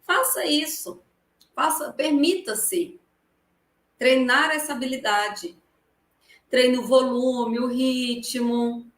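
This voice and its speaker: A woman with a Brazilian Portuguese accent, a lawyer giving a live lecture on public speaking, projecting her voice without a microphone and swinging between loud and soft for emphasis. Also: high voice, fairly even intonation, slow, pauses often. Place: room with a live audience. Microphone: no microphone, voice carried across the room. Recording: echoey room, voice from a distance.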